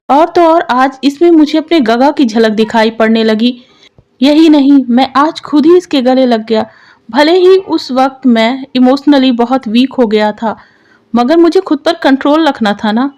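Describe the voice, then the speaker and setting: A shy, tender young man from a storybook, read by a woman, soft and a little sulky. His lines are wistful and quiet, pitched fairly high for a man.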